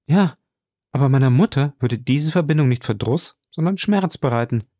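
A man's voice: medium pitch, animated, normal speed, mellow, no room sound, studio quality, voice pushed up, lightly acted. A man voicing an earnest young vicomte in an audiobook, raising his voice to play him. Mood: pleading. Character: young eager male vicomte.

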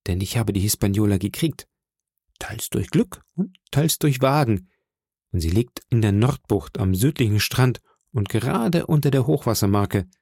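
An honest teenage cabin boy pleads earnestly, read by a man in near his own voice. The tone is a little raised and gravelly, in a dry, close storybook reading. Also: fairly low pitch, animated, moderate pace, darkish tone, no echo, exaggerated voice. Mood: pleading. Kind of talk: audiobook reading.

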